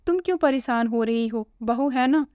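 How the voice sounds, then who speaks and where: A sick elderly father-in-law speaks with weary resignation, as a woman storyteller puts him on. The voice stays fairly high and smooth, in a dry, dull lo-fi recording. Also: normal speed, darkish tone, no room sound, lightly acted. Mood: resigned.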